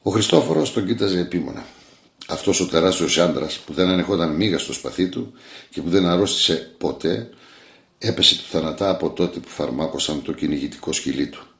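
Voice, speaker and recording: A man, an actor, narrating a literary short story in a measured, scripted reading. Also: sits low, animated, creaky, a bit bright, roomy sound.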